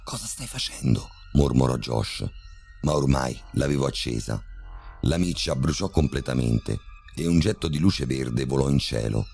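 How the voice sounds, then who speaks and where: Male horror narrator, very low and mellow, steady scripted delivery. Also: creaky. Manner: measured, steady storytelling.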